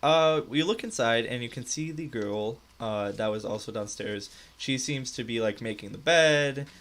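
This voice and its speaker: A man's voice: mid-range voice, moderate pace, fairly bright tone. A young man narrating as game master in a live tabletop game, loose and rambling with lots of fillers.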